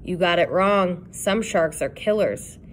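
A woman voicing a gruff old male sea captain with a gravelly, slow and ominous way of talking, read from a storybook. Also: on the low side, a little hiss or hum, lightly acted.

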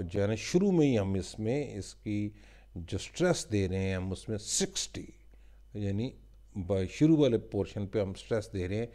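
A male teacher with a Pakistani accent walking students through a workbook, explaining in Hindi-Urdu and reading English lines slowly word by word. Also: fairly low pitch, dark tone. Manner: repeats filler "theek hai ji" often. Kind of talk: workbook lesson walkthrough.

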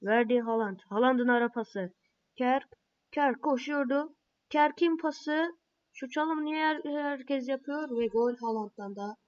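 A woman playing a mobile football game, calling her own plays and reacting with excited and frustrated outbursts. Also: high voice, slow, highs cut off.

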